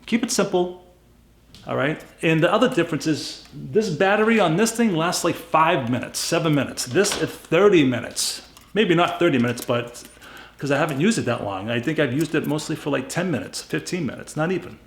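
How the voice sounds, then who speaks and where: A man's voice: a little high, animated, fairly quick, vocal fry, echoey room, a little hiss or hum. A man from New England with a Boston accent gives a casual, unscripted product review, plainspoken and emphatic, repeating himself for stress. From New England, USA. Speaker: YouTube gadget reviewer.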